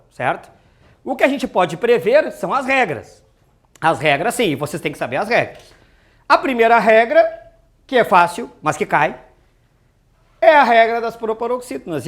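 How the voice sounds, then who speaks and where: A teacher giving an exam-prep grammar lesson, chatty and full of joking asides and rhetorical questions. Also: mid-range voice.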